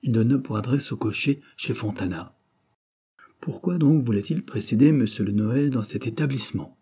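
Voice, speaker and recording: A man reading a novel aloud in scripted narration, measured and even. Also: medium pitch, husky. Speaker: audiobook reader.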